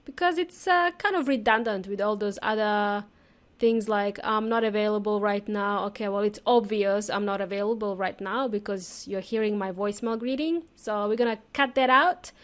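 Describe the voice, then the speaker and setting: At medium pitch and normal speed, a woman teaches English to learners on her podcast. The delivery is relaxed and conversational, with simple explanations, plenty of repetition and direct address to the audience.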